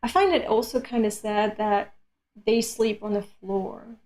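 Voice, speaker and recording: Between readings of comics on her live stream, a woman from Europe in her late 20s talks at a measured pace in a medium-pitched, slightly mellow voice. Her chat is candid, self-deprecating, and dotted with casual swearing.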